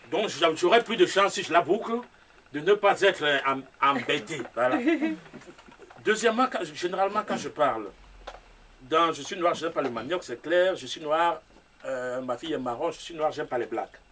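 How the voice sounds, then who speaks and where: A man's voice: on the high side, animated, normal speed, fairly bright tone. Emphatic Cameroonian man, distant mic. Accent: Cameroonian French. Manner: emphatic, with repeated rhetorical phrases. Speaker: author guest. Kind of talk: talk-show discussion. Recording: distant mic with faint room noise.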